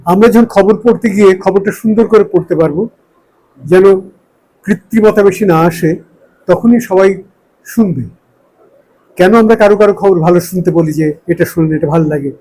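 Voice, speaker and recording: A middle-aged man from Bangladesh leads a class on news presentation, explaining pronunciation with patient care. His voice sits notably high. He drags out each vowel when he demonstrates a breathing and articulation drill. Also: dark tone, poor audio.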